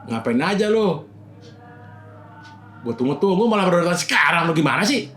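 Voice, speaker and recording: A man's voice: high-pitched, animated, normal speed, fairly bright tone, soft background music, pitched above the performer's own voice. A man putting on an exasperated slangy young guy. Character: irritated young man scolding a late friend.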